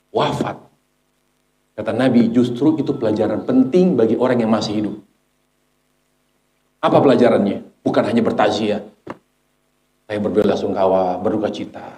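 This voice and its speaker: Emphatic male preacher in an echoey hall. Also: fairly low pitch. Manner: emphatic, repetitive, swings between quiet and raised delivery. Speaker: Islamic preacher. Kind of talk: sermon.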